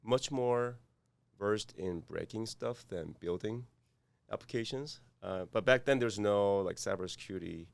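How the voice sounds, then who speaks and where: A man from South Korea with a Korean accent, a podcast guest speaking haltingly with many fillers and restarts. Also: on the low side, creaky, no room sound. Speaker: guest, cybersecurity firm founder. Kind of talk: podcast interview.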